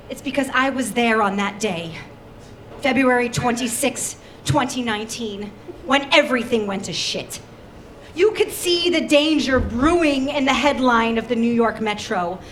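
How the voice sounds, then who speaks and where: A woman's voice: a little high, animated, measured pace, a bit bright, a little hiss or hum. A woman playing an aggrieved, melodramatic, struggling subway busker in a live comic radio play. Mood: haunted, dramatic.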